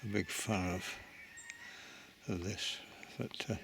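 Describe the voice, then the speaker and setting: A man's voice: sits low, steady tone, takes it slowly, creaky, background noise. A man giving a casual, chatty walking commentary at an outdoor animal centre, musing and breaking off mid-sentence as he films. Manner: chatty, musing, self-interrupting. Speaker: vlogger touring a bird and animal centre.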